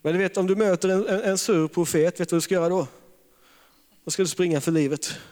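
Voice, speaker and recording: A man's voice: high voice, fairly even intonation, a little mellow. A man preaching a charismatic sermon, telling stories with humor and frequent laughter. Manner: humorous storytelling, laughs often. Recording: long reverb of a large hall.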